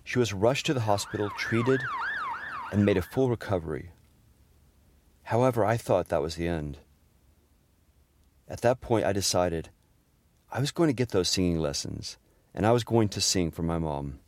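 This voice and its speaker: A middle-aged man fondly narrating humorous family memories in a gentle storytelling manner. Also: sits low, animated, moderate pace, pauses often, dry recording. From Houston, Texas area. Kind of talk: personal memoir narration.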